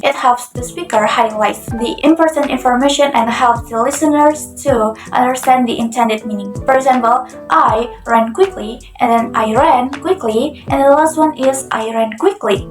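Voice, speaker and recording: A young woman presenting a linguistics lesson as a student, slowing down carefully on example words, with some non-native grammar. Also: high-pitched, roomy sound, distant mic, poor audio.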